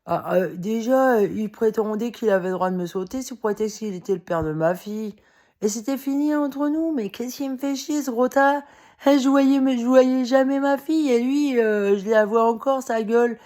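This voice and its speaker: A woman's voice: a little high, moderate pace, warm tone. Tired woman in a heated, rambling rant. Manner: rambling and heated, with many fillers, swearing and short laughs. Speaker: vlogger. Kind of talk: casual spoken monologue to camera.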